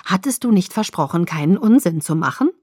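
A woman's voice: a little high, animated, moderate pace, no echo, studio quality, voice pushed up. Stern young vampire girl, read by a woman. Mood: reproachful. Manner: reproachful, urgent questioning. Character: worried stern young female vampire friend.

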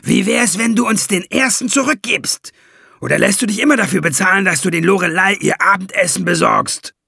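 A man's voice: sits high, expressive, brisk, creaky, sharp tone, breathy edge, no room sound, clean studio sound, voice pushed up, exaggerated voice. A man reading an audiobook and voicing a sly, sarcastic dwarf who needles people with mocking questions. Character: sly, mocking male dwarf, blunt and gruff.

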